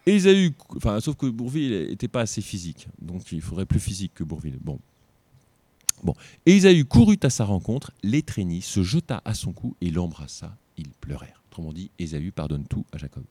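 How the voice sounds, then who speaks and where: Man, tired, informal Bible lesson, joking asides, warm mellow tone, dry close sound. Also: deep voice, big pitch swings, normal speed, breathy edge, no room sound. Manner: digressive, joking asides while reading scripture. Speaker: Bible teacher.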